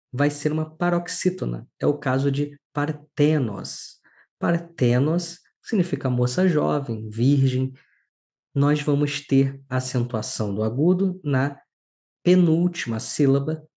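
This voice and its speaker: A man teaching a recorded lesson, explaining slowly and clearly and stressing syllables. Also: medium pitch, warm tone.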